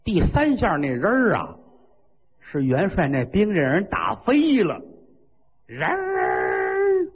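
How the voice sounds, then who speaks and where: A man voicing an old, fretful prime minister who talks in a drawn-out, exclaiming way. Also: a little high, huge pitch swings, breathy edge, long reverb tail, narrow, tinny audio, exaggerated voice.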